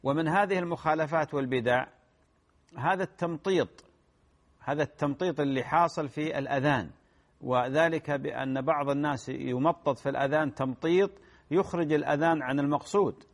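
A man answering listeners' religious questions in a measured lecturing manner, often repeating key phrases and clearing his throat. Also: fairly high pitch. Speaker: Islamic scholar answering questions.

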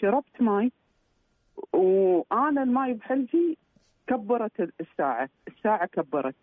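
A woman calling in to a radio show, who tells her story haltingly and stumbles over her words. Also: medium pitch, sing-song, no room sound. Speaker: caller. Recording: dry, tinny phone line.

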